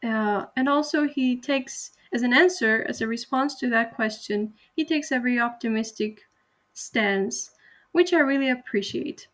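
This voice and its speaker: A young woman, a university student, giving an earnest, explanatory class presentation on a poem, with frequent pauses and restarts. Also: a little high, fairly bright tone.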